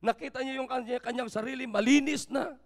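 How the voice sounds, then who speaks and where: A male pastor preaching a sermon, mixing Tagalog with English scripture quotes and rising to shouts. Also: very high voice, steady tone, fairly quick, big-room sound. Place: church sanctuary.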